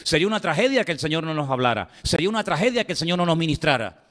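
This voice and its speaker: Spanish pastor preaching in an echoing hall. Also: male voice, on the high side, lively intonation, very fast, fairly bright tone. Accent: Spain Spanish. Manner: emphatic, repeats phrases, asks the congregation rhetorical questions. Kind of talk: sermon.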